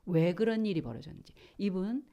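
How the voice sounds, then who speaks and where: A middle-aged woman pastor delivers a sermon in a lowish, mellow voice. She tells her story with drama, crying out quoted lines and then sinking to a hushed whisper. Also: lively intonation, a little fast. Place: church.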